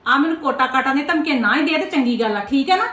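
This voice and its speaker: A woman's voice: sits high, expressive, fast, fairly bright tone, roomy sound, recorded from a distance, slight background noise. A woman playing an angry middle-aged mother defending her daughter, taunting and threatening. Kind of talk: acted family drama.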